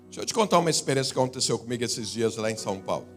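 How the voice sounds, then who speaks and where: A man with a Brazilian Portuguese accent preaching a sermon, telling stories and swinging between loud emphatic lines and quiet asides. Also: mid-range voice, lively intonation, racing, faint music behind. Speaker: pastor. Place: church.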